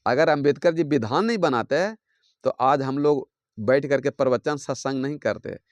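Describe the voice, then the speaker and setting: A man preaching a devotional sermon at a middle pitch. He builds his points in rhythmic, repeated lists and explains them with homely everyday examples. The sound is dry and close, with little room around it. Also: moderate pace, no echo.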